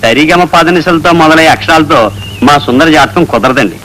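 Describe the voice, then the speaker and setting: Guy acting as a chatty schemer, high bright voice, rattling off quick comic film lines. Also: slight background noise, natural voice, poor audio. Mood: scheming. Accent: Telugu. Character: chatty scheming young man giving matchmaking advice.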